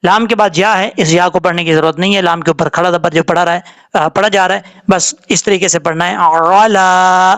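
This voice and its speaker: High-voiced man teaching Quran recitation. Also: steady tone, fairly bright tone. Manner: patient, explains rules step by step, then recites slowly drawn out. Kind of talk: tajweed lesson, spelling out letters and vowels.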